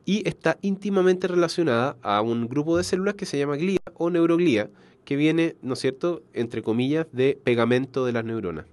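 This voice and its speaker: Congested from a cold, a man teaches biology in an online lecture, his nasal voice pitched on the high side with a darkish tone. He talks fairly quickly in an explanatory way, repeatedly self-correcting and asking whether his audience is following.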